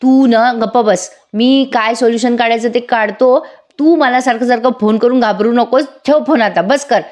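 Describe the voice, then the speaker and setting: A woman's voice: a little high, moderate pace, a little mellow, lightly acted. Woman reading as a middle-aged man, irritable, curt, dismissive.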